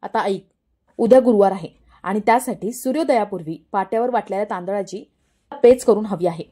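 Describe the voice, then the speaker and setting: A woman's voice: medium pitch, brisk, warm tone, lightly acted. A woman voicing a stern, haughty older female guru who scolds and gives orders, in a recap of a television serial. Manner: scolding, commanding.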